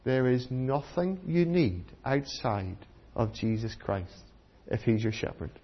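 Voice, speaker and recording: A British preacher gives a children's talk in church, teaching like a kids' presenter and putting simple questions to the listeners. His medium-pitched voice takes things slowly, and the recording has its highs cut off.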